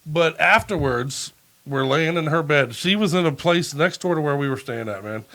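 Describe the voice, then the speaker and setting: A male podcast host spins a loose, profanity-laced story, laughing along as he goes. His voice sits a touch high for a man. He talks in a relaxed, off-the-cuff way. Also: moderate pace, low-quality recording. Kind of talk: casual storytelling.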